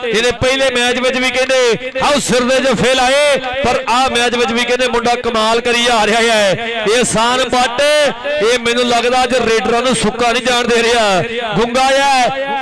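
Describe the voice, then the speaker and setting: A man's voice: very high-pitched, low-quality recording. A man with a Pakistani Punjabi accent giving frantic rural kabaddi commentary, declamatory, with repeated phrases and rhymed sayings. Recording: loud crowd at live match. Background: crowd noise.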